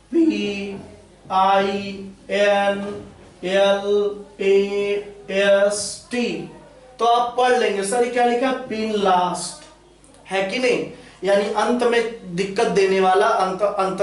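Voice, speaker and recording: A man teaching English grammar in a lesson, repeating his points and often asking whether the students have understood. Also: sits high. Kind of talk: classroom-style lesson explanation. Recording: very echoey room, voice far from mic.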